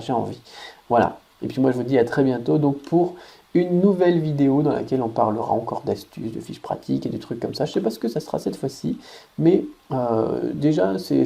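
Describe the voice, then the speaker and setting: A man's voice: medium pitch, gravelly, mellow. A man giving a casual, chatty screen-recorded tutorial, thinking aloud with many fillers and joking about himself. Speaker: online Chinese teacher.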